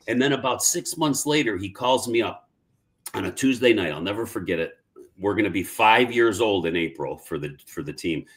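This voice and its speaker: Low-voiced middle-aged man telling stories. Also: animated, moderate pace, a bit bright. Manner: rambling, repeats and restarts words. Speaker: interview guest. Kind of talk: casual storytelling in a live interview.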